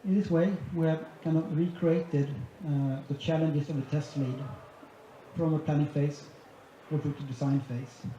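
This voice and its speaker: A man's voice: fairly high pitch, fairly even intonation, measured pace, mellow, a little hiss or hum. Man presenting in an echoey hall. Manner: methodical, summarizing point by point. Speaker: conference speaker. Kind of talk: conference presentation. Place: large conference hall. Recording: echoey hall, dull sound, faint ambience.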